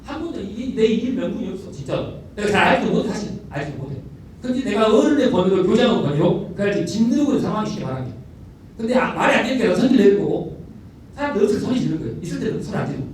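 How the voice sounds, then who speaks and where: A middle-aged man, a school principal telling stories in a lecture, animated and repeating words for emphasis, recorded from a distant mic in a large lecture hall. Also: sits high, very fast. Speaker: elementary school principal giving a talk. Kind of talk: storytelling lecture. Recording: echoey hall, distant mic, faint noise.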